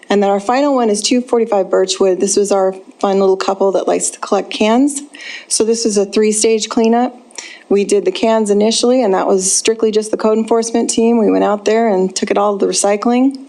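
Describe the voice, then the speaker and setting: A woman from city staff reporting to a city council work session in a steady plain way, with frequent ums. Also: medium pitch, creaky. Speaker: city code enforcement staff presenting to council.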